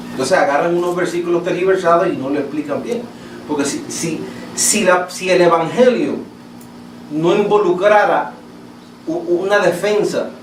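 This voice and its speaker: High-voiced preaching man, echoey hall. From Latin America. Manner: emphatic, repeats words and asks the congregation questions. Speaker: pastor. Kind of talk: sermon. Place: church sanctuary. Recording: echoey church hall, voice from a distance, faint room noise.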